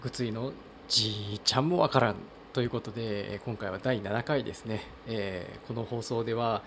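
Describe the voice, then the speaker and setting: A man's voice: fairly low pitch, moderate pace, fairly bright tone, slight background noise. A man from Kochi with a Tosa accent, hosting a casual solo talk and hesitating with many fillers and restarts. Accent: Tosa dialect. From Kochi, Japan. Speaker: podcast host.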